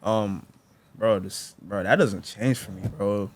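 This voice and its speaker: This twentysomething podcast co-host has a lowish voice and muses casually, rambling with frequent fillers, false starts, and the odd "bro." A little hiss or hum sits in the background.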